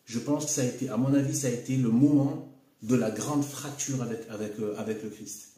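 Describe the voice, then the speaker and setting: A man speaking alone to camera in a loose, unscripted way. His voice is mellow and dark, and he often stalls, repeats words and drops fillers. The room around him rings with noticeable echo. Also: medium pitch. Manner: halting, repeats words, fills with "hein" and "voilà". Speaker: video commentator. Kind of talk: unscripted solo video monologue. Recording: echoey room.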